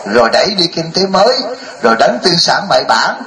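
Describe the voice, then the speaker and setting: A man, a Buddhist monk, gives a humorous dharma talk to his listeners in a rather high voice. He turns to the audience with questions and keeps the tone light. The room is echoey. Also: sing-song, a little fast, sharp tone. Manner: addresses the audience directly, mixes jokes with lecture.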